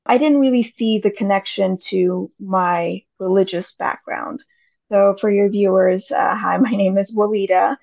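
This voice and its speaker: Woman, 30s, podcast guest, rambling chatty talk, gravelly fry, muffled lo-fi sound. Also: medium pitch, no echo. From United States. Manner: rambling, chatty, many fillers. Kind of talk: casual interview chat. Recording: dull lo-fi audio.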